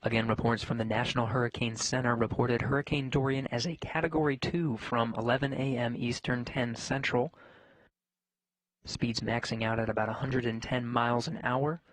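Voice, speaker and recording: A man giving live space mission commentary in a measured, factual announcing manner. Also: mid-range voice, fairly even intonation, dry recording, low-quality recording.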